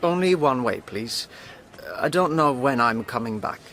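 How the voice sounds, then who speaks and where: A man's voice: mid-range voice, lively intonation, unhurried, fairly bright tone, a little hiss or hum. A man playing a polite, reasonable businessman in scripted language-course dialogues. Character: polite, reasonable businessman, colleague and air traveller.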